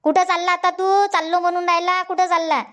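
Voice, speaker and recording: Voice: very high-pitched, level tone, a little fast, fairly bright tone. An actor voicing a fussy, nagging village grandmother in a cartoon comedy, speaking with a Vidarbha Marathi accent and repeating her questions as she chides. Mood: scolding.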